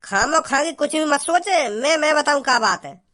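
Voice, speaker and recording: Voice actor playing a cartoon village bumpkin, high-pitched, rambling, stammering, naive. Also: lively intonation, normal speed, sharp tone. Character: silly simple-minded village young man. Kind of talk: cartoon comedy voice acting.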